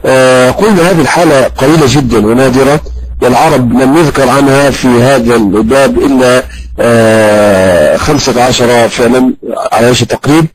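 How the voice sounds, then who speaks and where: A man teaching an Arabic grammar lesson. He talks slowly and halts often with drawn-out fillers, putting questions to his students and praising their answers. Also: mid-range voice, rough recording. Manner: slow and halting, with many drawn-out fillers. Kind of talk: classroom lesson with audience questions.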